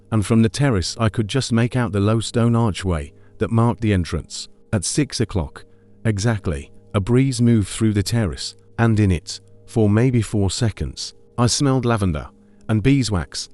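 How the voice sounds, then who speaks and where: A man with a low voice narrating a scripted scary story in a measured, somber way. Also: a little mellow.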